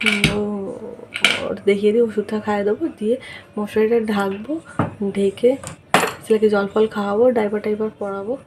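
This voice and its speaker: A woman's voice: mid-range voice, little pitch movement, a little fast, background noise. A woman vlogging at home at night, chatting casually and coaxing her small son with repeated words. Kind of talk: casual vlog chat.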